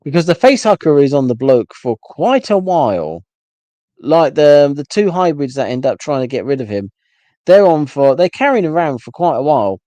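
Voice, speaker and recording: A man's voice: on the high side, big pitch swings, moderate pace, dark tone, no echo. A man hosting a casual solo rant, rambling with frequent restarts and exasperated asides. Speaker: solo livestream host.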